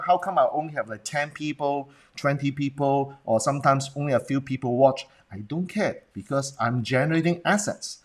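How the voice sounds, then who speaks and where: A man with a Hong Kong accent coaching viewers on a livestream in a blunt manner, often putting questions to them and checking in. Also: medium pitch. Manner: rhetorical questions and check-ins with the audience. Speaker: business presentation coach. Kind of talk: Facebook Live talk, coaching viewers.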